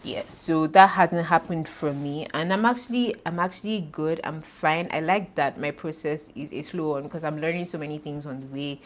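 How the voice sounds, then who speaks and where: A woman's voice: low-pitched, normal speed, few pauses, a little hiss or hum. A young woman talking casually to camera in a chatty, self-deprecating way, laughing often. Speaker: YouTuber.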